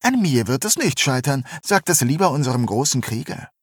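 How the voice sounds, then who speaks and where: Sulky youth , put on by a male reader: young man, defiant, snappish, husky. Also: medium pitch, big pitch swings, a little fast, dry recording, clean studio sound. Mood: sullen.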